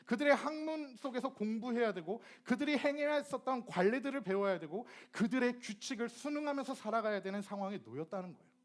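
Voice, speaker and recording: A young youth ministry preacher from Gyeonggi, South Korea, delivers a sermon to teenagers in an extremely high-pitched voice, talking fast with hardly any pauses. He's lively, asking the audience questions and acting out dialect phrases.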